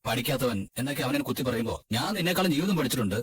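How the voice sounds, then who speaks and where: [name], a man playing a fast, husky tough guy. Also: medium pitch, animated. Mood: wistful. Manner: blunt and scolding. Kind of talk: fan-dubbed drama.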